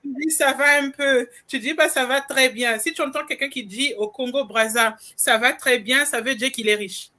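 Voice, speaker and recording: A woman moderating a live event, chatty and quick to agree with her co-host. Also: high voice, sharp tone. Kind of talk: casual presenting to an audience.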